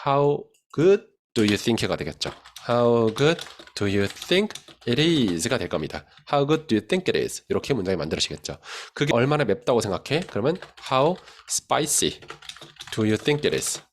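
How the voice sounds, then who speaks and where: A man teaching English grammar, explaining in Korean and reading English example sentences slowly and clearly. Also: mid-range voice, very animated, a little hiss or hum. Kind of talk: grammar lesson.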